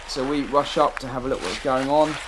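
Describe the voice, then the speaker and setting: Narrating his own amateur hunting video, a man with a medium-pitched voice talks fairly quickly in a plain, conversational, matter-of-fact way. Background music plays behind the voice-over, and the background is noisy.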